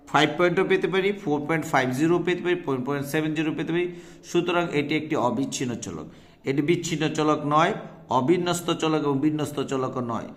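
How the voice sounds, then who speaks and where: A man in his thirties with a Bangladeshi Bengali accent gives an exam-prep math lesson. His voice sits a little high, and he walks through each example step by step, restating the rule again and again. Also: a bit bright. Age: 30s. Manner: explains step by step, repeating key rules. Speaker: math teacher.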